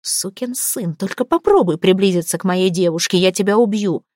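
A woman reading the lines of a hot-tempered young man, the heroine's protective boyfriend, in a quiet, clipped, angry way. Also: mid-range voice, fairly quick, no echo, studio quality, natural voice. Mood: threatening.

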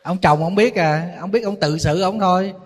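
A man, a Buddhist monk with a Southern Vietnamese accent, giving a sermon full of lively stories and acted-out quoted voices. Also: high voice, normal speed. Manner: storytelling, acting out quoted voices, teasing. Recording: long hall reverb.

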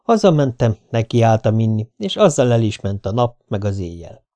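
A man's voice: on the low side, sing-song, warm tone, soft background music. A man reading a first-person hard-boiled novel aloud, in a dry, laconic manner. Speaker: audiobook reader. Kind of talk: first-person audiobook narration.

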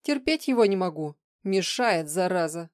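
Woman voicing a nasty alter ego girl, snarly and shouting, lowish dry voice, audiobook. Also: lively intonation, moderate pace, no echo, natural voice. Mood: furious. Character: volatile young woman's alter ego, vicious and mocking.

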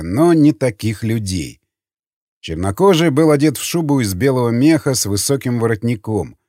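A man narrating an audiobook in an expressive reading voice. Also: medium pitch, dry recording, clean studio sound. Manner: expressive, voices many characters.

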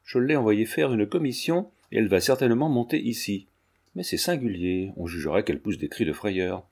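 Male reader voicing a worried young lady, low mellow tone. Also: expressive, brisk, vocal fry, slightly rough, heavily acted. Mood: uneasy. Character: anxious young lady of the house. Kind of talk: audiobook character reading.

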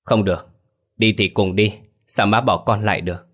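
A man's voice: steady tone, normal speed, fairly bright tone. A man voicing an older village mother in a ghost story, anxious and doting on her son, calling out in a raised, tearful voice. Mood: gentle worried. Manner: tearful crying out, raised pitch.

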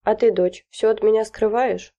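A woman's voice: mid-range voice, steady tone, normal speed, warm tone, pitched above the performer's own voice, natural voice. Woman voicing a fretful fussy mother. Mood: worried. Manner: fretful, pleading, flustered. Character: fussy anxious middle-aged mother.

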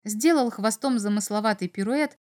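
A woman reading a children's science fiction story aloud as narrator, with even, expressive storytelling. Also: medium pitch, moderate pace. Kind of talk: audiobook narration.

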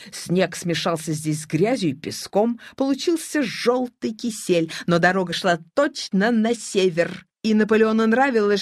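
A narrator reading a children's story aloud in an expressive, animated storytelling manner, close to the mic. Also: medium pitch, dry recording.

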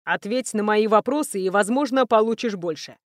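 A woman reading aloud, voicing a cold, calculating male elf prince who interrogates his captive in a low, slow, menacing voice. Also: no echo, studio quality, natural voice.

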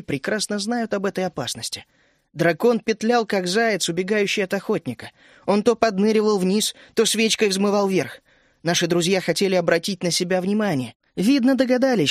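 Male audiobook narrator, high-pitched, steady first-person storytelling, dead-dry booth. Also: dry recording.

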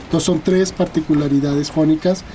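A man with a Mexican accent, appearing as a guest linguist in an interview, explains things hesitantly with plenty of fillers and tag questions. His voice is on the high side and mellow, with fairly even intonation and a moderate pace, and there's a slight hiss or hum.

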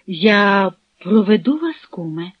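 A composed Cossack colonel speaks low and steady, weighing each word, as a reader voices him. There is little theatrics to it. The recording is dry and dull. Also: slow, breathy edge, no echo, exaggerated voice. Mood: measured. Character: older Cossack colonel, calm and cautious. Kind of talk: audiobook reading with character voices.

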